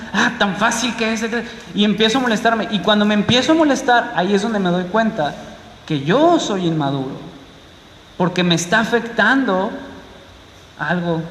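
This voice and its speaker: A man's voice: high-pitched, a bit bright, a little hiss or hum. A man with a Mexican accent preaching a conversational sermon as a pastor, often checking in with his listeners by asking "¿sí?". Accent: Mexican Spanish. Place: church. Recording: echoey church hall.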